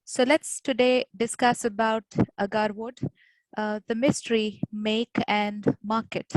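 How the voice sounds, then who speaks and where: A woman's voice: a little high, little pitch movement, a little slow, dry recording, poor audio. A woman from India giving an academic webinar lecture over a video call, explaining patiently with frequent "uh" fillers. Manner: hesitant, many "uh" fillers, explanatory.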